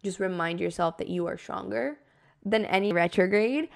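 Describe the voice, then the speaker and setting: A woman's voice: medium pitch, moderate pace, gravelly. A woman podcast host explaining things in a casual, conversational and reassuring way, with frequent filler words like "like" and "kind of".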